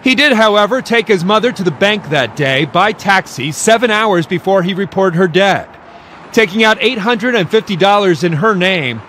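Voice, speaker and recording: A man narrating a scripted TV news package in a steady, factual way. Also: high voice, slight background noise. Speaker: news reporter.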